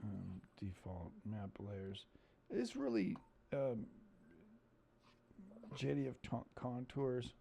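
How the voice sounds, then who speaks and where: A man with a gravelly, creaky voice hosts a loose screen-share chat. He rambles and hesitates, filling gaps with "um" and "uh" as he points things out. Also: medium pitch, big pitch swings, slow, long pauses, mellow, slight background noise. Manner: rambling, hesitant with many fillers. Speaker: host.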